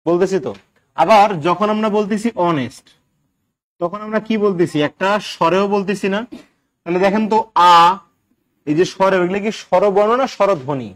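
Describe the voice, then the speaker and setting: Male grammar tutor, high voice, chatty, keeps quizzing the class. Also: normal speed. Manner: chatty, quizzes students with questions. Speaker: English grammar teacher. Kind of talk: live online class.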